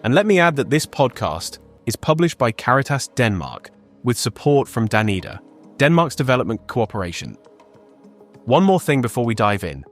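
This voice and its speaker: A man narrates a documentary podcast in a measured, scripted way. His voice is at a middle pitch. A faint music bed runs beneath him. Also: very animated. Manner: measured and clear.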